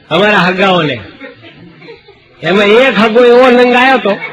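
A man telling comic stories on stage in a Kathiawadi Gujarati accent, dropping into hushed voices when he quotes people. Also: high-pitched, rough recording. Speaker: stand-up comedian. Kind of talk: Gujarati folk stand-up storytelling.

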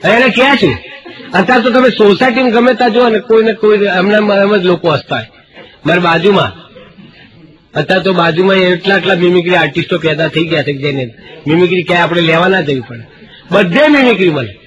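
Gujarati man, middle-aged, high voice, comic storytelling, loud audience laughter. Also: quick pace, muffled recording. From Gujarat, India. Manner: animated, acts out quoted voices for jokes. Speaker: stand-up comedian. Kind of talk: stand-up comedy storytelling. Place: stage before a live audience. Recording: live show with loud crowd laughter.

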